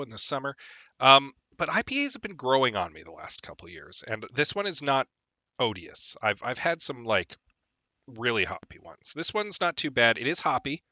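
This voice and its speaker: Sounding slightly phlegmy from a cold that won't quite clear, a young man rambles through casual stream chat over his gameplay, filling gaps with lots of ums. His voice is medium in pitch, bright and forceful, with no room sound.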